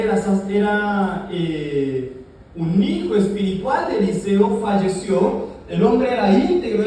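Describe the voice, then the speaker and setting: A man's voice: high voice, far from the mic, slight background noise. Man preaching in an echoey hall. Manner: lively, joking, asks the congregation to answer. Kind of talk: sermon. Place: large echoey church hall. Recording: very echoey hall, heard from afar.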